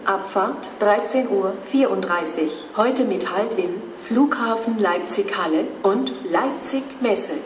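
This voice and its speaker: Echoey, flat female platform announcement. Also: medium pitch. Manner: flat, formulaic announcing in separate phrases. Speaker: railway station announcer. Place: train station concourse or platform. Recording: echoey station loudspeaker from far off, noisy. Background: station ambience noise.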